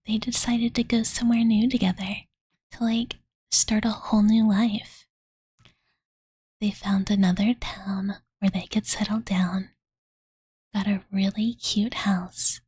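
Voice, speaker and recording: In this ASMR roleplay, a woman with a medium-pitched voice becomes a young dragon girl, affectionate and possessive, who tells a bedtime story. She speaks in a breathy, gentle whisper close to a studio condenser mic with no room sound, sounding cutesy, cozy, casual, and doting, with plenty of filler words.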